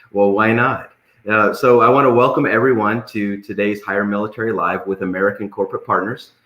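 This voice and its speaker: Deep voiced guy hosting a live chat, jokey, bit halting, echoey room. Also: fairly even intonation, highs cut off. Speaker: host. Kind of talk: casual live-stream hosting. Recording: roomy, echoing sound.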